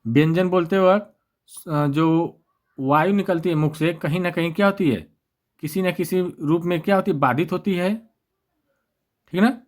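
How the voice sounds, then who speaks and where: Guy teaching exam grammar, voice a bit on the high side, keeps asking himself questions and answering. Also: measured pace, darkish tone. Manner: repetitive, asks and answers his own questions. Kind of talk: exam-prep grammar lesson.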